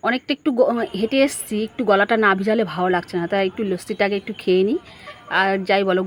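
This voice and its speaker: A woman's voice: medium pitch, no echo. A woman narrating a casual family vlog, chatting straight to her viewers and asking them questions. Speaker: family vlogger.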